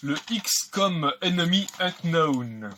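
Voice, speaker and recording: A man's voice: a little high, expressive, slow, sharp tone, slight background noise. A man casually talking through an unboxing of video games, chatty and hesitant with many fillers. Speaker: video game collector vlogger.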